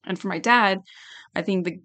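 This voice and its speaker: A young adult woman hosting a casual solo podcast, giggly and rambling, with a slightly hoarse, worn-out voice. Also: mid-range voice, normal speed, fairly bright tone. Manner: giggly, rambling, self-deprecating. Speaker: podcast host.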